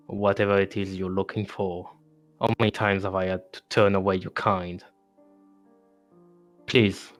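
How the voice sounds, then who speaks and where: A man's voice: on the low side, lightly acted. A man voicing an aloof, dismissive male raccoon dog healer in a cold, formal tone.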